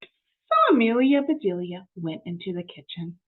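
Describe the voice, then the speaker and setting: A woman reads a storybook aloud to young children in an expressive, teacher-like way, mixing in explanatory asides and questions to the listeners. Her medium-pitched voice moves at a moderate pace, and the audio is narrow and tinny with a noisy background.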